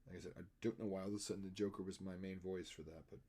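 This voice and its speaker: A man's voice: low-pitched, steady tone, racing, warm tone, husky. A man chatting casually on a live stream as he draws, self-deprecating and given to humming melodies. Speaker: streamer and artist. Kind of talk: casual live-stream chat while drawing.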